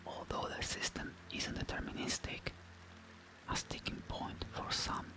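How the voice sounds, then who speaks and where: A narrator giving a scripted game guide in a breathy, intimate ASMR whisper, close to the mic, measured and explanatory. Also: low-quality recording. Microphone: close microphone, ear to ear.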